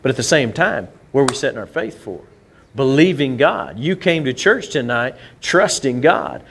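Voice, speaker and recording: A man's voice: medium pitch, sing-song, normal speed, a bit bright, slight background noise. A male pastor, preaching a conversational sermon to his church, often restarting and repeating words as he goes.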